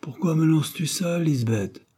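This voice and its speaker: A man's voice: a little high, moderate pace, mellow, breathy edge, voice pushed up. Man doing a meek, plaintive little husband. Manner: plaintive, hesitant.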